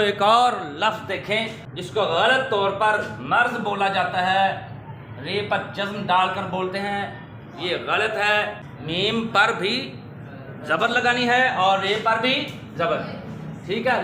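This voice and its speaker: A man teaching pronunciation to children, slowly repeating wrong and correct forms. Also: high voice, noisy background. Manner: slow, drills correct and wrong forms, addresses dear children. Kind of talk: classroom pronunciation lesson. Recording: echoey room with faint ambience.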